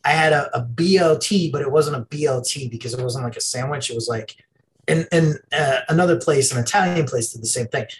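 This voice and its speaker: This podcast co-host, a middle-aged man, speaks briskly in a slightly high voice. His casual talk is rambling and profane, punctuated by plenty of laughter. There's slight background noise, and the audio quality is poor.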